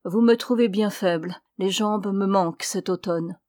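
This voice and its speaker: A woman reading an audiobook and voicing a frail, kindly old priest who greets warmly. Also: mid-range voice, unhurried, natural voice. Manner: warm, welcoming.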